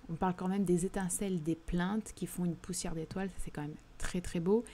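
Speaking a little fast in a lowish, mellow voice with fairly even intonation, this thoughtful livestream host has a southern French accent. She leads a live book discussion and reads chat questions, hesitating, using many fillers, and frequently starting over.

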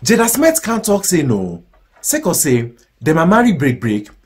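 Animated Ghanaian man reading comic Pidgin news. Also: fairly high pitch, normal speed, breathy edge. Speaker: news presenter.

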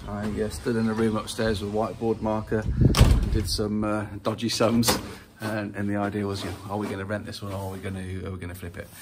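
Speaking briskly with few pauses, a property investor with a lowish, fairly monotone voice walks through an empty house on video. He talks casually into a phone held at arm's length, full of fillers and restarts, with background noise behind him.

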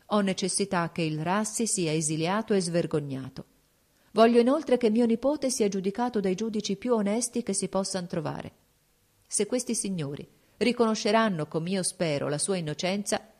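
A woman's voice: on the low side, darkish tone, close to an everyday voice. A woman reading an audiobook, voicing a shrewd, composed court duchess who speaks frankly and persuasively.

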